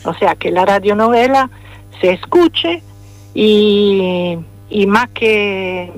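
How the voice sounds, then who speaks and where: A woman from Rome, a playwright and poet, talks slowly through a radio interview in Spanish, which is not her first language. Her Italian accent comes through clearly as she hesitates and searches for words. The sound is dry and close, with faint music underneath. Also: mid-range voice, no echo. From Italy, Rome.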